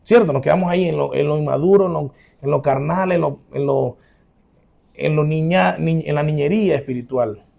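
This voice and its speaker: A man preaching as a pastor, emphatic, acting out quoted voices with sudden loud rises, then closing in prayer. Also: a little high, normal speed, vocal fry. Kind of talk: sermon.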